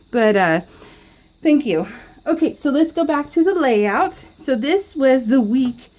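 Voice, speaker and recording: A scrapbooking vlogger from California rambles through a story while crafting, chatting casually and laughing often in a home recording. Her voice sits high and darkish, moving slowly with big swings in pitch.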